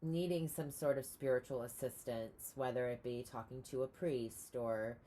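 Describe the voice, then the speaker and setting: A woman giving a casual tarot reading, rambling with many pauses and restarts. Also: rumbling low, steady tone, dark tone. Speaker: tarot reader.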